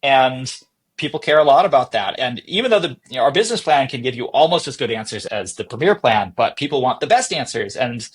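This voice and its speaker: Appearing as an interview guest on a podcast, a man who runs a tech startup speaks casually, working through his reasoning with examples and self-posed questions. He has a mid-range voice with a breathy edge.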